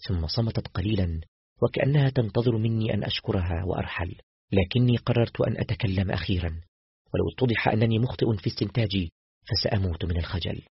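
Very husky, fast-reading male narrator. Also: lowish voice, no room sound, muffled recording. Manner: steady, quick dramatic narration. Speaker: storyteller. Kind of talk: novel read aloud in first person.

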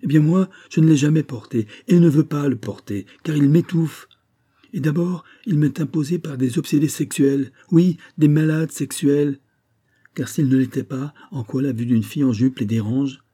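A man voicing a rebellious young woman who speaks with loud indignation. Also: on the low side, completely flat delivery, fairly quick, few pauses, breathy edge. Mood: outraged.

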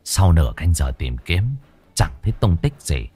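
A man narrating a ghost story in a dramatic, animated way. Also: extremely low pitch, normal speed, breathy edge.

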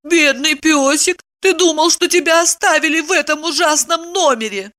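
Lady reader doing a screechy hysterical wife, super high and all over the place, bright voice. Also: moderate pace. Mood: cooing. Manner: shrieking, hysterical, dramatic outbursts. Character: shrill, hot-tempered married woman.

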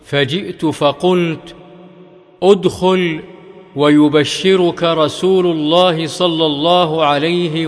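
A man reading hadith aloud in a measured, careful way, lifting some phrases into a melodic chant. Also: on the high side, a bit bright. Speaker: hadith reader. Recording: long hall reverb.

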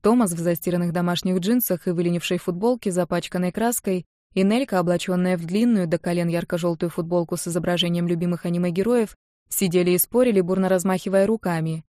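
A woman's voice: fairly low pitch, quick pace, warm tone, no echo, clean studio sound. A young woman narrating a first-person audiobook in a wry, matter-of-fact way. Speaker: audiobook reader.

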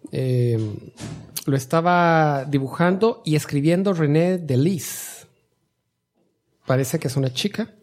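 Somewhat high-voiced man. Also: slow, pauses often, darkish tone. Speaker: podcast co-host, news reader. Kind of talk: casual chat about comics news.

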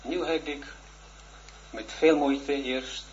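Halting, earnest man in his forties. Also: fairly high pitch, fairly even intonation, a little mellow. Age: 40s. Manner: halting, hesitant, with many restarts; shy and earnest. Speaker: religious teacher. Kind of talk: personal testimony in a religious lesson. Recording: dull lo-fi recording with faint noise.

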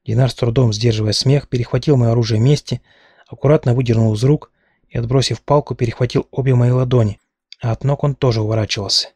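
A man reading a first-person novel aloud at a steady, measured pace. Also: medium pitch, breathy edge, no room sound. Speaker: audiobook narrator.

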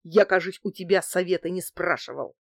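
A woman voicing a bald, scarred male street thug who talks rough and crude with a growl, in an audiobook. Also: fairly low pitch, fairly quick, dry recording, studio quality. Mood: gruff. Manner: growling, rude, crude slang. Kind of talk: audiobook character voice.

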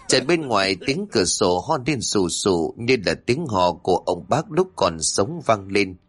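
Husky-voiced man telling a ghost story. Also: on the low side, very animated, measured pace. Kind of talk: horror story narration.

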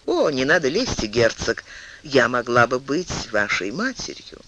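A man reading an audiobook, voicing a composed older queen who speaks softly, measuredly and with a maternal sternness. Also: medium pitch, big pitch swings, unhurried, slight background noise, poor audio. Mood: wistful.

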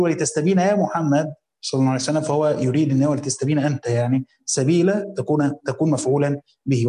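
A man with an Egyptian accent reading a classical religious commentary aloud, slowly voicing the text, then explaining it in casual colloquial asides. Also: on the high side, dark tone, echoey room. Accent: Egyptian Arabic.

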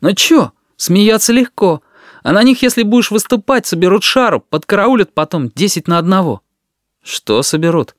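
A man's voice: high voice, very animated, normal speed, no echo, clean studio sound, voice pushed up. A man voicing a sullen, slangy schoolboy who grumbles his answers.

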